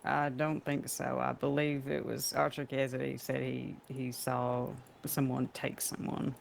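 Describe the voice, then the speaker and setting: Very gravelly man politely asking around. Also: medium pitch, monotone, a little slow, slight background noise. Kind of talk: in-character western roleplay chat.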